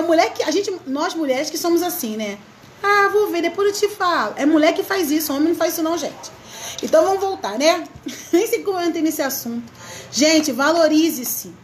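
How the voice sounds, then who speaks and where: A woman's voice: sits high, a little hiss or hum. A chatty woman hosting a crafts live stream, greeting viewers by name and laughing often. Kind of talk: casual live chat.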